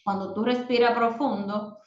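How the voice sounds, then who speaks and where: A woman's voice: a little high, steady tone, moderate pace, a little mellow, reverberant, lo-fi sound. Woman teaching a parenting course. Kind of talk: online course lesson.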